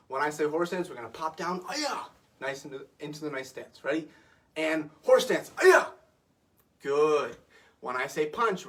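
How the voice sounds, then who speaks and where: A young man teaching a martial arts class to camera from an office, upbeat and coaching, a little out of breath. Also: fairly high pitch. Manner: upbeat, coaching, counts out loud and shouts "ha" on punches. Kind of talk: guided workout class to camera. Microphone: camera facing him.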